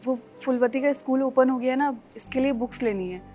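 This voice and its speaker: A woman playing a meek daughter-in-law and loving mother who pleads softly and soothes her child, in a family short film. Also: sits high, fairly quick, faint music behind, close to an everyday voice. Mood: pleading.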